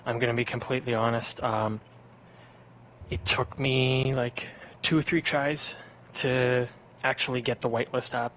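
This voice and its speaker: A man's voice: mid-range voice, flat delivery, measured pace, fairly bright tone, poor audio. Guy rambling on easy as a podcast guest, mid voice, little bit of hiss behind. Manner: rambling, laid-back storytelling. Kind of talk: casual chat.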